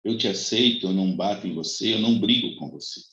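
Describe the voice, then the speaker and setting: A man preaching as a pastor, telling a personal testimony with dramatic swings between high cries and soft low passages. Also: quick pace. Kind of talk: sermon testimony. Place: church. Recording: echoey, dull lo-fi church recording.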